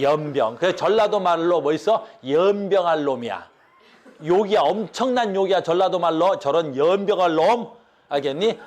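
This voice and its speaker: A middle-aged man teaching biology to a high school class. His voice sits slightly high and swings widely up and down as he explains. He keeps stopping to quiz the room. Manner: lively, keeps checking in with questions to the students. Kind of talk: classroom lecture.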